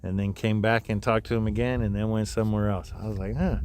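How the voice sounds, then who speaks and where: Casual male livestream host, lowish voice, rambling outdoor chat, faint background noise. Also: level tone, quick pace, a little mellow. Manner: rambling and loose, with many restarts and asides. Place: outdoors near wind turbines, breezy.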